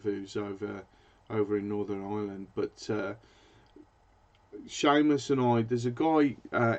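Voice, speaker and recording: A British man with a fairly low, darkish voice hosts a fishing channel, chatting casually on a live stream. He rambles and hesitates as he searches for words, and the recording has a dull, lo-fi sound.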